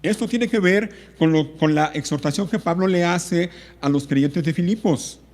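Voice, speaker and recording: A man's voice: high voice, moderate pace, darkish tone, long reverb tail. A man preaching a sermon as pastor, speaking with emphatic repetition and drawing out key words. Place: church.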